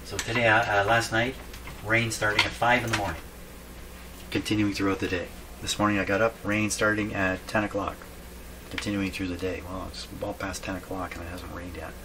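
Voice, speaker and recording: A man whose voice is on the low side, with little pitch movement, speaks fairly quickly while doing a hands-on repair. As a radio repair hobbyist and video host, he thinks aloud casually and asks himself questions. There's clearly noisy workshop sound in the background.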